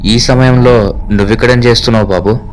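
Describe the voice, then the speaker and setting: A man's voice: mid-range voice, fairly even intonation, a little fast, soft background music, natural voice. A man voicing an adult male graveyard keeper who warns a young man, in a grave warning tone, in a horror story.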